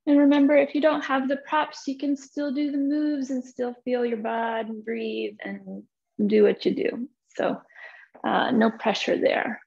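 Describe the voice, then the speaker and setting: A woman fitness instructor talking her online class through the props for the day, relaxed and chatty over a video call. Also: fairly high pitch, measured pace, creaky, lo-fi sound. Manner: relaxed, chatty, loose with fillers. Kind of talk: live online class intro.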